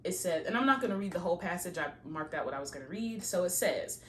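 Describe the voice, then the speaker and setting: A woman's voice: fairly low pitch, expressive, fast, fairly bright tone, slight background noise. A woman reading tarot cards and giving a casual, preachy pep talk, encouraging listeners to plan and believe in their dreams. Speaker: tarot reader.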